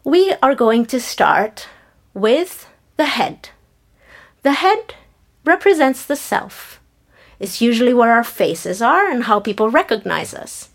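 A woman instructing an exercise class in a deliberate, theatrical drama-teacher manner, chanting single words as cues. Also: a little high, very animated.

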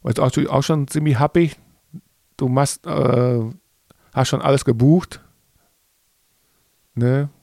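A man's voice: medium pitch, steady tone, takes it slowly, creaky, long pauses, warm tone, no echo. Dry-sounding middle-aged man, rambling chat. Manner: rambling, searching for facts as he talks. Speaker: podcast co-host, father of the host. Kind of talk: casual chat.

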